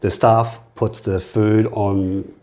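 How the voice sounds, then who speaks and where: A man hosts a relaxed interview podcast with a somewhat low voice. He talks in a loose, chatty way, stumbling over words and repeating them as he works out his thoughts. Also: slow. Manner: repeats words and restarts often. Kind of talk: casual conversational interview.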